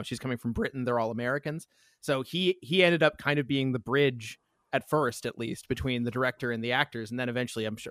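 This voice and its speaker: Man, casual film talk, measured and explanatory, dry mic. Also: mid-range voice, a bit bright, no echo.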